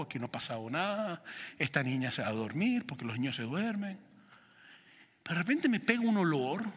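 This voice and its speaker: Lively pastor preaching in reverberant church. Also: male voice, on the high side, slightly rough. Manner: animated storytelling, questions to the congregation. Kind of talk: sermon.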